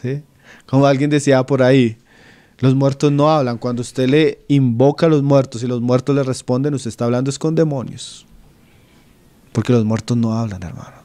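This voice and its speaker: A man from Colombia preaching an expository Bible sermon, who keeps checking in with the congregation, calling them brother, and drops low at the ends of his phrases. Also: steady tone, moderate pace. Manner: keeps asking the flock "¿sí?" and "¿no?", calls them "hermano"; swings between loud quoting and low, trailing phrase ends.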